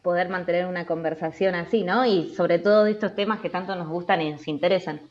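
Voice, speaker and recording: A woman's voice: lowish voice, fast. An Argentine woman, a travel blogger and interview guest, telling stories casually with frequent "eh" and "¿no?" fillers. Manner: chatty, frequent "eh" and tag "¿no?". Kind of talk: casual conversational storytelling. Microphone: video call. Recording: slightly dull lo-fi call audio.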